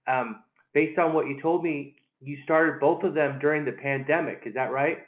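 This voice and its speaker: Male interview host, a bit high, halting delivery, echoey tinny phone-like sound. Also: fairly even intonation. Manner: halting, hesitant, repeats words. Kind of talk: casual interview.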